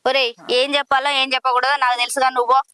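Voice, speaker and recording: A woman's voice: sits high, little pitch movement, rapid-fire, pushed and bright, smooth, no room sound. An actress with a Telangana Telugu accent playing a worried, scolding village mother. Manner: fretful, scolding. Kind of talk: village drama acting.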